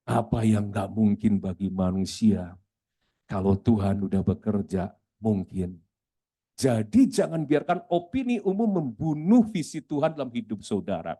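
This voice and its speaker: A man's voice: fairly low pitch, a little slow. A middle-aged man, a pastor telling stories in a sermon and often addressing the congregation. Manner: lively storyteller, keeps addressing the congregation. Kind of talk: sermon storytelling.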